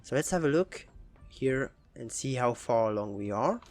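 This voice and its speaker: Relaxed young man narrating gameplay. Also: mid-range voice, normal speed. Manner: relaxed, hesitant with frequent fillers and restarts. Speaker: gaming channel host. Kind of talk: casual gameplay commentary.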